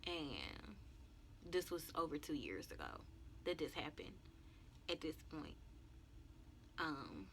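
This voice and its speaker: A woman's voice: low-pitched, very animated, takes it slowly, pauses often, slight background noise. A woman in her twenties frankly telling a personal story in a video journal, candid and emotional. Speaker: vlogger.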